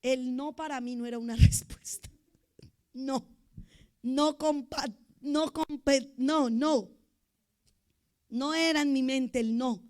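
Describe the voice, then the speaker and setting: Middle-aged woman pastor, high voice, emotional sermon delivery that swings from soft to loud. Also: steady tone, slow, pauses often.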